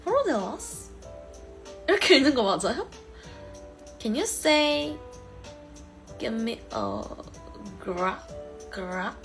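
A young woman hosting a live stream, chatting playfully with viewers in a mix of her own language and halting English. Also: on the high side, big pitch swings, soft background music. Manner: mixes Korean and halting English, playful and bubbly. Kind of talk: casual live chat with viewers.

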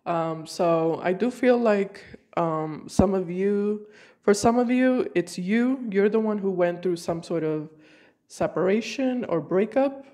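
Her voice is medium-pitched and warm, and she takes it slowly. Fighting a cold, she reads tarot cards for her viewers at a decorated card table in a room at home, talking casually and thinking aloud, with hesitant restarts.

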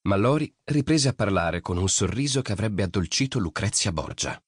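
A man narrating an audiobook in an expressive storytelling reading. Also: fairly low pitch, moderate pace, husky, dry recording, studio quality. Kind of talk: scripted narration.

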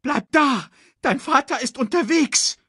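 A man reading aloud and voicing a fussy, anxious male bird servant in a shrill, hurried tone. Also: expressive, pushed and bright, no room sound, studio quality, full character voice.

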